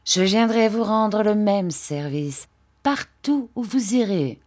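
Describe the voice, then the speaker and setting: A woman reading an audiobook, voicing a spiteful young woman full of hatred, who speaks slowly and cuttingly. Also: mid-range voice, darkish tone, pitched above the performer's own voice. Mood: contemptuous. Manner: slow, hard, cutting delivery.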